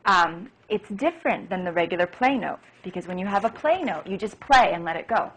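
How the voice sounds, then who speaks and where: A woman's voice: mid-range voice, lively intonation, brisk, fairly bright tone, slight background noise, low-quality recording. A woman piano teacher explaining beginner lessons for children in an enthusiastic, chatty way. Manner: enthusiastic, chatty, acts out child-friendly phrases. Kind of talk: instructional demonstration.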